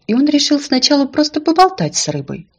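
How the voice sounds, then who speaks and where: A woman narrating a children's story in a soft, gentle, unhurried way. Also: high voice, sing-song.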